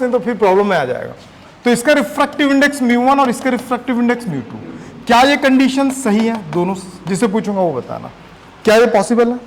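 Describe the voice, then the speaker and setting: A man's voice: sits high, poor audio. A man teaching physics in a classroom, often firing questions at his students. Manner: questioning the class often, mixing in English terms. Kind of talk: classroom lecture.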